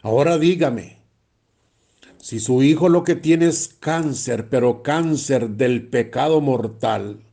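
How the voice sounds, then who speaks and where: Slow, blunt priest preaching. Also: male voice, mid-range voice, warm tone. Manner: blunt, emphatic, repeats phrases for stress. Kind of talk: sermon.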